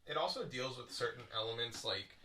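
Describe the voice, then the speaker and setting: A young man co-hosting a podcast, chatting casually with relaxed storytelling and quick quips. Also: mid-range voice. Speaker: podcast co-host. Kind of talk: casual chat.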